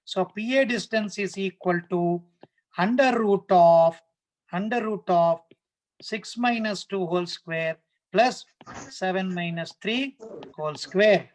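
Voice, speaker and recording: High-pitched South Indian male maths teacher. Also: slow pace, low-quality recording. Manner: didactic, repetitive, often checks understanding with short questions. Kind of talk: live online maths lesson, working problems step by step.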